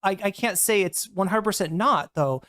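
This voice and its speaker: A woman streaming to her chat, reacting to clips in a blunt, heated way and swearing freely. Her voice sits in an ordinary middle pitch. The sound is close and dry, with no room echo. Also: moderate pace, a bit bright. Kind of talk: casual livestream commentary.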